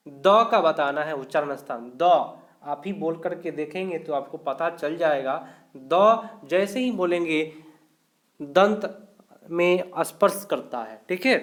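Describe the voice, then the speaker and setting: A man teaching a live online grammar class, going through each question slowly and explaining every answer step by step. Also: fairly high pitch, a bit bright. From India.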